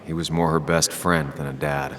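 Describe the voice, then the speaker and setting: A man's voice: very deep voice, level tone, moderate pace, a bit bright. A man voicing a dry, wistful journalist in a video game. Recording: long reverb with game music behind.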